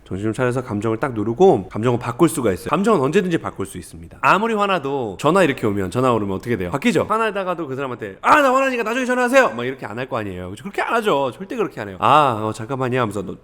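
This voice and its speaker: A man's voice: medium pitch, very animated, very fast, few pauses, a bit bright. A man giving earnest commentary on parenting clips, speaking straight to the viewers in a lecturing way.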